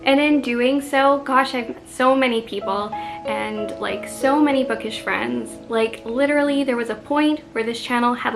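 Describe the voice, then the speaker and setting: A woman's voice: a little high, low-quality recording. A woman with a Canadian accent, chatting casually to camera as a book vlogger, self-deprecating and full of "like".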